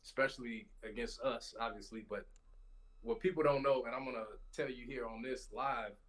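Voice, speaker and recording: A man's voice: mid-range voice, steady tone, normal speed, low-quality recording. A man talking emphatically in a casual interview, often addressing the other man as "man". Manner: emphatic, says "man" a lot. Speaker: interview guest. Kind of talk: casual conversation.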